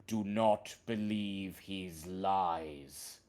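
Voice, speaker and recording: Man voicing a slow, grumbling ancient talking tree. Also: low voice, a little mellow. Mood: solemn warning. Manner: slow, grave, formal pronouncements. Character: solemn ancient talking tree, a grave treant.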